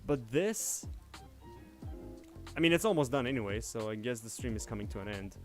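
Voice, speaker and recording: A young man from Indonesia chats casually as he works, muttering each step half to himself at an ordinary middle pitch. He speaks from a room at home. Faint music plays underneath his voice. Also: lively intonation, moderate pace. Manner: thinks aloud, muttering steps as he works. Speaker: livestreaming 3D artist. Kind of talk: casual livestream narration while working. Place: home room shared with family.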